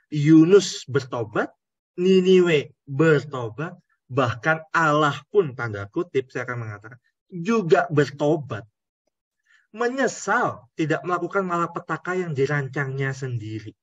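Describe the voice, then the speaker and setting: Husky-voiced priest teaching Scripture. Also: male voice, on the high side, dry recording, lo-fi sound. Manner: asks rhetorical questions, addresses the audience directly. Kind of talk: conversational Bible teaching.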